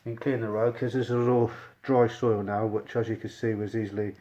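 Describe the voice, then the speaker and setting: This rug cleaner talks casually about his own work, muffled behind a dust mask covering his mouth. The voice is fairly low and warm with a flat delivery and a fairly quick pace, and background noise is clear.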